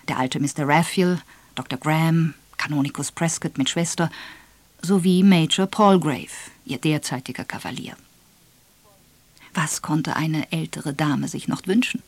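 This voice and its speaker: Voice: medium pitch, no room sound. Trocken aufgenommener, gemessener Hörbuchsprecher. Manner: measured, expressive storytelling. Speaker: audiobook narrator. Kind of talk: scripted narration.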